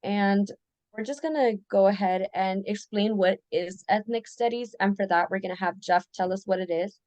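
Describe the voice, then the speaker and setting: A woman's voice: mid-range voice, normal speed, darkish tone, dry recording. A young woman from the United States hosting a casual student podcast, talking with some hesitation and restarts.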